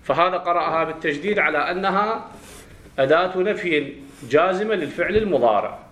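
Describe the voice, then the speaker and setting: Iraqi sheikh teaching grammar in echoey room. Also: male voice, a little high, a bit bright, slight background noise. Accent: Iraqi Arabic. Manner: explains slowly, quizzing students, chanting verses. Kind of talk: classroom grammar lesson. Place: classroom. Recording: roomy classroom echo.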